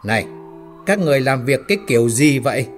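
A man doing a gruff, barking boss. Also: mid-range voice, lively intonation, quick pace, faint music behind, close to an everyday voice. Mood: angry. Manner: barking, scolding. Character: gruff, bad-tempered male boss.

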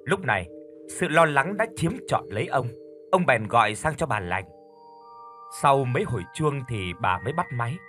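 A man narrating a horror audiobook in a calm, measured storytelling voice. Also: mid-range voice, soft background music.

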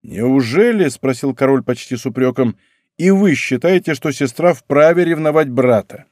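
A man's voice: medium pitch, expressive, normal speed, no room sound, studio quality, close to an everyday voice. Man voicing an ardent, gallant young king. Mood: insistent. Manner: soft, tender murmurs turning firm. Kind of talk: audiobook character reading.

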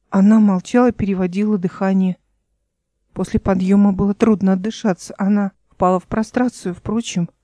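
A woman narrating a fantasy audiobook in a soft, even storytelling manner, close to the mic. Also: mid-range voice, no echo. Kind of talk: scripted narration. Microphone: close mic, home recording.

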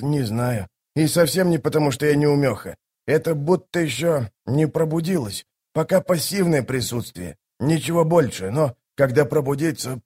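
A fussy, defensive soldier-mage in an audiobook drama, as a male narrator puts him on, voiced a little higher than the reader's own voice. He mutters and sighs through long explanations. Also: a little mellow, husky. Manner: muttering, sighing.

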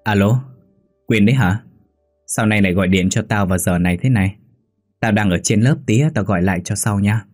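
A man's voice: on the low side, a little fast, darkish tone, soft background music, close to an everyday voice. A man voicing a caring young female schoolteacher who soothes and reassures her friend. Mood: busy.

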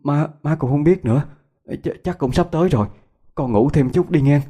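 A man's voice: fairly high pitch, normal speed, warm tone, pitched above the performer's own voice, lightly acted. A man voicing a worried rural mother who stammers as she comforts her child. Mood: soothing.

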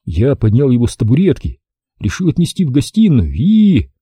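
A man narrating an audiobook in a lively, expressive storytelling manner. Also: mid-range voice, normal speed, slightly rough, no echo, clean studio sound.

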